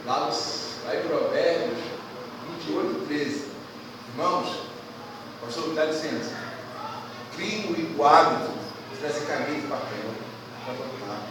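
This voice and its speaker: A man's voice: a little high, animated, unhurried, pauses often. A man from Brazil preaching a sermon, emphatic and quizzing the congregation as he cites scripture. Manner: emphatic, asks the congregation questions and quotes scripture. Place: church hall. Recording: echoey church hall from far off, noisy.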